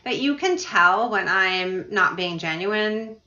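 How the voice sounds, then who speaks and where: A woman in her forties tells a story in a relaxed, rambling way, peppering it with "like" and "you know." Her voice is bright and forward. The recording is roomy and a little muffled. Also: medium pitch, takes it slowly. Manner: storytelling, chatty with many fillers. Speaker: podcast co-host. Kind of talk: casual chat. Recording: roomy, slightly dull sound.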